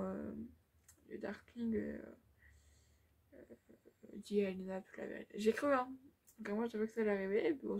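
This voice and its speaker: Young woman rambling happily about what she read, kinda gravelly voice, lots of "euh" and "du coup". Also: fairly high pitch. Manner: chatty and gushing, with many fillers. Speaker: book vlogger. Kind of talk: casual reading update.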